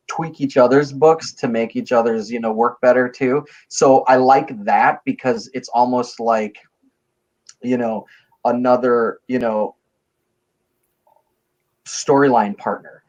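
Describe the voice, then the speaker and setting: A man on a comics panel, talking in a measured, thoughtful way with many fillers. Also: medium pitch, a little mellow. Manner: measured, thoughtful, lots of "you know". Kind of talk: casual panel chat. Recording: dull lo-fi mic.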